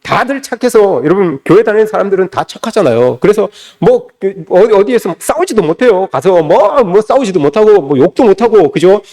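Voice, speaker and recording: A man's voice: high voice, lively intonation, a little fast, hardly any pauses, mellow. A man preaching a sermon to church teachers, emphatic, with many rhetorical questions and repeated phrases. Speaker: pastor.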